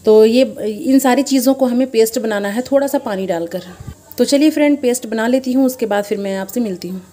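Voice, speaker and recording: A woman's voice: mid-range voice, dark tone. A woman hosting a casual home cooking demonstration, chatting with viewers as friends and explaining each step. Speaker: cooking channel host. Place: home kitchen at the stove. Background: frying and sizzling from the pan.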